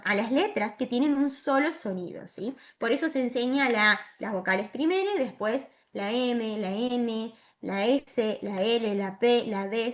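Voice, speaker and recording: Woman teaching, checking in with "¿sí?". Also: on the high side. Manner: explanatory, checks in with frequent "¿sí?". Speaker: teacher trainer. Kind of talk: virtual lesson for teachers.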